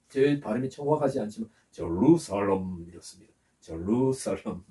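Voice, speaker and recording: A male pastor giving a sermon, explaining words slowly and asking the listeners to repeat after him. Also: medium pitch, mellow, distant mic. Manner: teaching, with pauses to explain terms and have the congregation repeat words.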